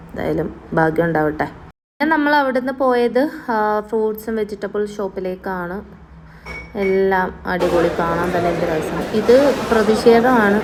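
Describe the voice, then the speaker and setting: A woman with a Kerala Malayali accent casually narrating a vlog, mixing English words into Malayalam. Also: mid-range voice. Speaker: vlogger. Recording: very noisy, with vehicle-like ambience.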